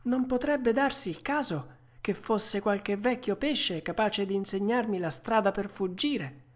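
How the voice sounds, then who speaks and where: A woman voicing a frightened, whiny wooden puppet boy, reading a storybook aloud in a shrill, tearful manner. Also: unhurried, close to an everyday voice. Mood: anxious.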